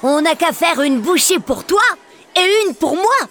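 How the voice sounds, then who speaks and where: A woman voicing a playful little schoolboy in a storybook, high and excited. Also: a little slow, some chatter behind, full character voice.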